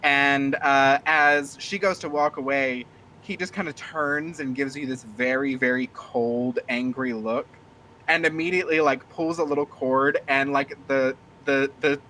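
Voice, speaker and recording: A man's voice: medium pitch, fairly even intonation, measured pace, pushed and bright, slight background noise, poor audio. A man narrating a tabletop game as game master, rambling with many fillers. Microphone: streaming mic.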